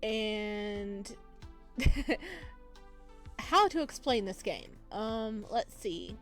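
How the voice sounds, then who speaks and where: Speaking extremely slowly, a woman with a medium-pitched, expressive, fairly bright voice reads visual novel text aloud and offers casual game commentary. She's a chatty, giggly let's play host who reacts as she reads, accompanied by background music.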